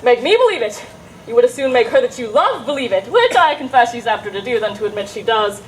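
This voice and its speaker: A woman's voice: a little high, big pitch swings, fast talker, slight background noise, rough recording. A woman playing a witty, teasing young woman disguised as a saucy youth, in theatrical, hammy Shakespearean stage comedy style. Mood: witty, exuberant.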